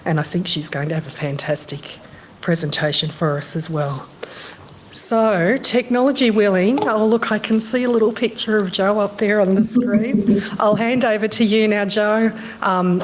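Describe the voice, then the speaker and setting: A woman chairing a conference session and introducing speakers in a chatty way, a little hoarse as she is losing her voice. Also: mid-range voice, slight background noise. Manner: chatty, with fillers. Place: conference room.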